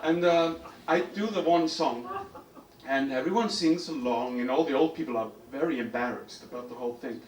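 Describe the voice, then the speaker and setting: A man with an Icelandic accent, a singer-songwriter telling an animated, self-mocking story on stage at a small cafe concert. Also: mid-range voice, moderate pace. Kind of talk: stage storytelling between songs. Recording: roomy live venue, distant mic.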